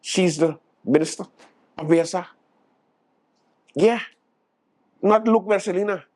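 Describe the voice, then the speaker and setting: A male late night host doing a stand-up monologue with a lively, swooping delivery. He jumps in and out of other people's voices as he tells the story. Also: sits high. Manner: animated, acts out quoted voices.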